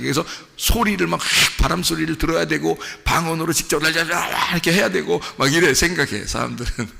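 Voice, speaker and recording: Gravelly, bright-voiced male pastor preaching. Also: fairly high pitch. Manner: animated, acts out quotes and mimics speech. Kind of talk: sermon. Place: church sanctuary. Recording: long hall reverb.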